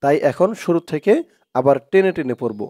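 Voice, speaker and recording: A man teaching Quran reading, spelling out Arabic words letter by letter and chanting them slowly for viewers to repeat. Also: a little high, animated, warm tone. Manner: slow, patient drilling with drawn-out chanted recitation; addresses viewers directly as "dorshok".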